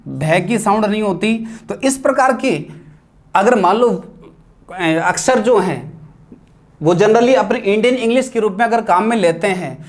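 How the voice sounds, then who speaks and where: A man teaching an exam-prep grammar class, posing questions and answering them himself and mixing English terms into his explanations. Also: sits high.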